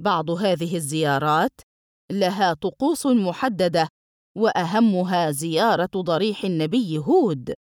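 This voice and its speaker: A woman reading a nonfiction book aloud, going through table entries in a measured, list-like way. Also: lowish voice, darkish tone, no room sound, clean studio sound.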